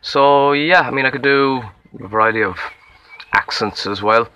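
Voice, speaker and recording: Standing in a wood, a young Limerick-accented actor introduces himself casually for an audition, speaking at normal speed in a clean, bright, forceful mid-range voice. The audio is dull, and he rambles, puts himself down, and keeps restarting amid plenty of fillers.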